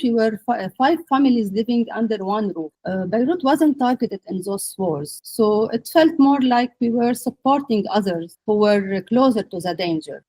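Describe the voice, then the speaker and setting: A woman from Lebanon in her thirties, a podcast guest speaking haltingly with many fillers. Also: on the high side, mellow, no echo, low-quality recording. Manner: hesitant, with many pauses and fillers. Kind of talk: podcast interview.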